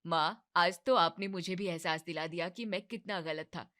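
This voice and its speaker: A woman's voice: moderate pace, close to an everyday voice. A woman voicing a young husband in a cartoon family drama, placating his wife and mother. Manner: soft, placating, lower voice. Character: young husband, soothing and evasive.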